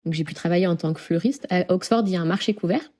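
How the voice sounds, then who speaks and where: A woman's voice: fairly low pitch, quick pace, mellow. A young woman from near Lyon, chatting as an interview guest, with many fillers and frequent laughs. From France. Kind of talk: casual interview chat.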